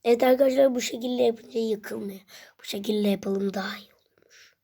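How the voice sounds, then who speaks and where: A woman's voice: medium pitch, fairly even intonation, moderate pace, creaky, warm tone, slight background noise. A young woman talking casually to her viewers while building a tower, pleading with it and often dropping to a whisper. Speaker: vlogger.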